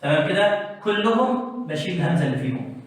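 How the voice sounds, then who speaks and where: A man with an Egyptian accent teaches Quran recitation rules, with a fairly high voice. He stops to chant letters and verses in a long melodic style, then checks in with the student. He sounds far from the mic in a very echoey room. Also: very animated. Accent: Egyptian Arabic. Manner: checks in often with quick questions to the student. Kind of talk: tajweed lesson for exam students.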